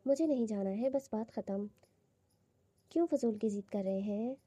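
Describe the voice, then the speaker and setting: A woman voicing a stubborn, sharp-tongued young wife who answers back with quick, defiant retorts. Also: mid-range voice, slightly rough, no echo, lightly acted.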